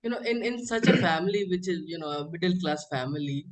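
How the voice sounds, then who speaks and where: Higher-pitched Indian man hosting an interview. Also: expressive, fast talker, low-quality recording. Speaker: interviewer, host. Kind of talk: informal interview.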